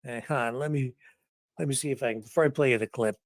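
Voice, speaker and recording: A man's voice: medium pitch, quick pace, no echo, studio quality. A man hosting a casual news livestream, rambling and chuckling while he searches for clips.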